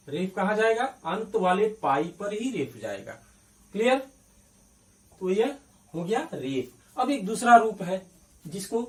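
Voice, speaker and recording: A man's voice: sits high, far from the mic. A man teaching Hindi grammar at a board, explaining step by step, spelling out syllables and asking checking questions. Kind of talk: classroom-style grammar lesson at a board.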